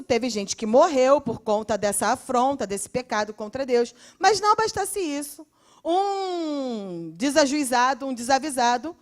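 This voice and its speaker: High-voiced, animated Brazilian woman teacher. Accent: Brazilian Portuguese. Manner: lively and expressive, acts out quotes, laughs often. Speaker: Bible school teacher. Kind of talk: animated Bible class lesson.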